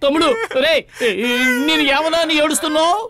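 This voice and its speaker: Squeaky fast-talking angry shrink, yelling at his patient, music behind. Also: little pitch movement, background noise. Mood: exasperated. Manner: scolding, exasperated. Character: exasperated married psychiatrist, short-tempered. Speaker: psychiatrist on the phone. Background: film score music.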